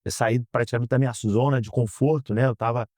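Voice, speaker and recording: Man in his thirties, from Brazil, earnest, measured, mid-pitched, dry close sound. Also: fairly even intonation, darkish tone, no echo. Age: 30s. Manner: earnest, measured, frequent "né?" tags. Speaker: guest, politician. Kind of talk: interview answers. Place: podcast studio.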